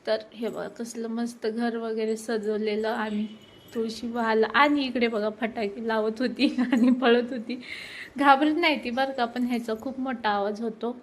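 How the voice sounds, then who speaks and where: A woman in her thirties chatting excitedly to viewers while filming a family ceremony at home on her phone. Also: on the high side, measured pace. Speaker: vlogger. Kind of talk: casual vlog narration. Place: at home during a family ceremony, indoors and outdoors. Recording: faint background noise.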